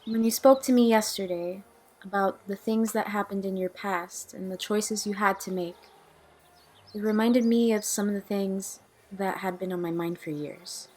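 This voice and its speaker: In this audio drama clip, a woman plays Nicole, a guarded, troubled young woman who comes across as awkward and wary. Her medium-pitched, slightly dark voice stays steady at a moderate pace and sounds close to everyday speech. She delivers her guarded, confessional lines hesitantly and plainly, in a naturalistic amateur style.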